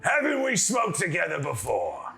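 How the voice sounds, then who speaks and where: A man voicing a massive, boastful orc warrior in a tabletop game, with a loud, slow, hearty delivery. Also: wildly swooping pitch, gravelly, soft background music, exaggerated voice. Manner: slow, drawn-out, booming delivery.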